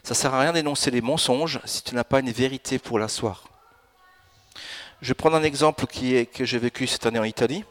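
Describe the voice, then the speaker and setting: A man in his fifties delivers a church sermon from the pulpit. His voice sits at a middle pitch, and his delivery is animated, rising into emphatic, urgent bursts as he presses his points. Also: a little fast. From France and Italy. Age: 50s. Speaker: pastor. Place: church in Alsace.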